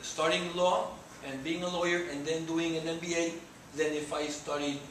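A Mexican man in his forties, a Spanish speaker with a Mexican accent, gives an earnest guest talk to students in a lecture room, gesturing as he goes. His voice sits a little high and level, at normal speed with a slightly bright edge. A distant camera mic picks him up in an echoey, noisy room.

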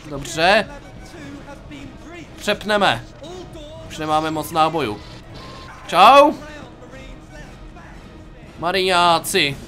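A man's voice: fairly high pitch, bright, forceful tone. A young Czech man giving playful, jokey commentary while playing a game, talking to himself and to his viewers. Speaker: gaming YouTuber. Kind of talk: casual gameplay commentary.

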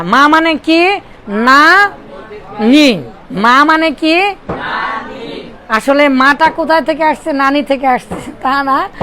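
A man's voice: very high voice, bright, forceful tone, a little hiss or hum. A man from Bangladesh teaching Arabic grammar to a classroom of pupils, drilling and repeating phrases for them to echo.

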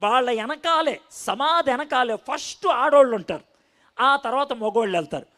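High-voiced, lively male preacher. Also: moderate pace. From India. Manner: animated storytelling with frequent questions to listeners. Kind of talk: Bible-teaching sermon.

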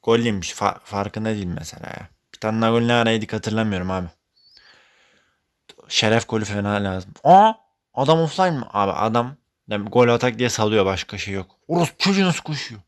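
A young man talks over his own football video game match as he plays. He sounds exasperated and curses often, breaking into loud frustrated outbursts. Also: on the low side, fairly quick, smooth. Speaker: gaming YouTuber. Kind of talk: live gameplay commentary.

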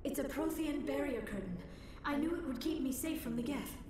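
A woman's voice: high-pitched, animated, brisk. An actress playing an anxious, earnest young female alien scientist in a video game, speaking in careful formal words. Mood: worried, explaining. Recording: echoey, distant game audio with noise.

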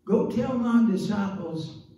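A man's voice: sits high, expressive, takes it slowly, dark tone. Older man preaching in an echoey church. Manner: folksy, chatty preaching with frequent "praise God" and laughs. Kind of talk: sermon. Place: small church sanctuary, indoors. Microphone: handheld microphone. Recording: very echoey room, voice from a distance.

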